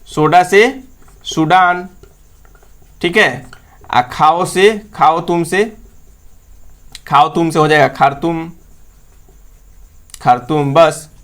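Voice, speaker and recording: A man's voice: fairly high pitch, slow pace, pauses often, a bit bright. A man teaching an exam-prep lesson, repeatedly asking his listeners questions and answering them himself.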